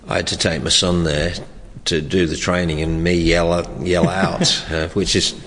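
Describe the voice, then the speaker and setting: In a reflective oral history interview, a former soccer coach, now older, speaks in a loud, low voice with a level tone at a moderate pace. His speech is hesitant, with many restarts and chuckles. There's a long reverb and a faint hum of background noise.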